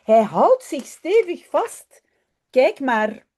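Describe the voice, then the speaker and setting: A woman's voice: high-pitched, big pitch swings, slow, darkish tone, full character voice. A woman voicing a friendly, reassuring aunt in a read-aloud storybook. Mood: cheerful. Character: kind cheerful aunt.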